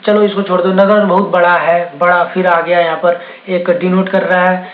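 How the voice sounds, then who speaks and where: A man's voice: high-pitched, little pitch movement, moderate pace. A man teaching a Hindi exam-prep lesson, going through the answer options and patiently repeating key words with frequent fillers. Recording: echoey room, tinny phone-like sound.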